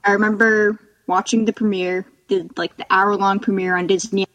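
A woman's voice: mid-range voice, level tone, normal speed, a bit bright, muffled recording. A woman guest on a casual podcast, talking as an enthusiastic fan.

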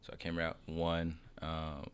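A young man from Sudan, raised in Seattle, talking as a podcast guest in a relaxed, rambling way, full of restarts and "you know what I mean". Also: a bass voice, normal speed, smooth. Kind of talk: casual chat.

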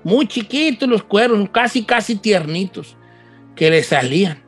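High-voiced man telling a legend. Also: unhurried, faint music behind. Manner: animated, folksy with chatty asides. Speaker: storyteller host. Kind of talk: casual spoken legend telling.

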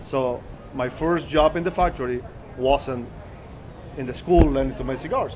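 Cuban-accented man, halting, restarts phrases, guest interview, loud crowd chatter behind. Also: medium pitch. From Cuba. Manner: halting, rephrasing often. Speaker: guest, cigar maker. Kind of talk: casual interview. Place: cigar bar. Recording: busy bar crowd behind.

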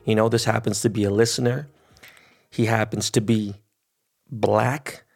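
A man, hosting a casual podcast interview in a profane, excitable way. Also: on the low side, measured pace, vocal fry. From Los Angeles. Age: 40s. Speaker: podcast host.

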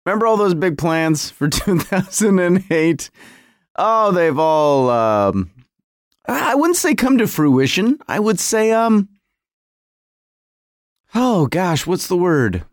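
A man's voice: high voice, sing-song, takes it slowly, long pauses, no room sound, studio quality. A man hosting a casual solo podcast from his home garage, rambling wryly and often interrupting himself. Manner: self-interrupting, wry. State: feeling cold. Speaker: podcast host.

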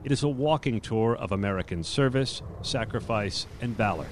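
A male news correspondent narrating a radio report in a measured, deliberate way. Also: on the low side, lively intonation. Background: outdoor traffic and planes.

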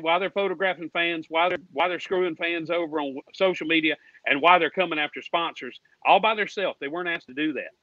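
Recorded dry and lo-fi, a little-high male voice belongs to an American guest on a racing fan show. He rants with folksy indignation, combative and swearing plenty, tossing in "ain't" and "y'all."

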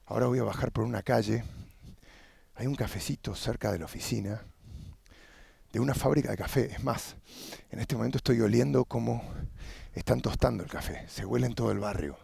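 A man with an Argentine accent, hosting a podcast as a casual monologue while riding a bicycle outdoors, thinking aloud with pauses mid-phrase. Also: mid-range voice, creaky, mellow, husky, no room sound. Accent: Argentine Spanish. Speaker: podcast host.

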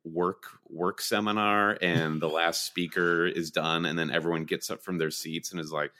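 Very deep-voiced man, chatty football podcaster. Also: normal speed. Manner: rambling, animated storytelling with put-on voices. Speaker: podcast co-host. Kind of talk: casual fantasy football chat.

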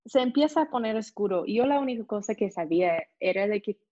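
A young woman with an American accent and native English, telling a lively story as an interview guest and acting out the people in it. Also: medium pitch, quick pace, dry recording. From United States. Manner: animated, acts out voices in her story. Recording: dull, muffled sound.

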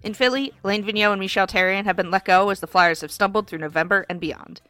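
A woman co-hosts a casual hockey podcast, chatting quickly with lots of fillers in a medium-pitched, steady, sharp voice that sounds congested and stuffy. There's no room sound, just soft music in the background.

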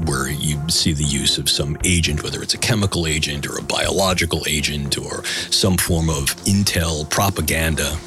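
A man's voice: very deep voice, sharp tone. A man giving a formal expert explanation, wordy, precise and academic. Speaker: expert interviewee. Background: music.

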